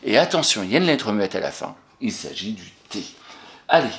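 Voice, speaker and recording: A man teaching a young child, spelling words slowly letter by letter and warmly praising answers he pretends to hear. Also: fairly low pitch, very animated. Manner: encouraging, talks to an absent pupil and pauses for answers. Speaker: primary school teacher. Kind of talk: recorded spelling lesson for a child. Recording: echoey room with faint noise.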